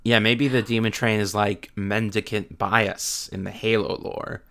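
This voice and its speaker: A woman's voice: a bass voice, steady tone, a little slow, fairly bright tone. A woman co-hosting a casual podcast chat, reading listener emails with playful asides. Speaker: podcast co-host.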